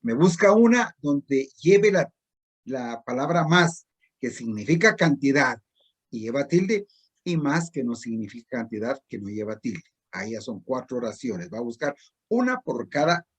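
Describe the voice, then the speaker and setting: A middle-aged male teacher explaining spelling rules slowly and repetitively, with many pauses. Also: mid-range voice, expressive, husky. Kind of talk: recorded distance-learning spelling lesson.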